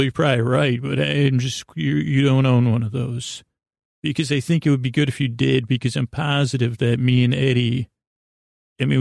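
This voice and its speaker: A sleep podcast host with a gravelly, fry-heavy, slightly mellow voice in an ordinary male pitch range rambles through a comedic bedtime monologue. The recording is dry and close with no room sound, and he meanders haltingly, easily distracted, trailing off mid-thought.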